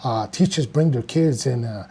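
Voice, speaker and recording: A man's voice: medium pitch, moderate pace, dark tone. A man in his fifties from Puerto Rico, an artist and studio co-owner talking casually in an interview, hesitant with many fillers.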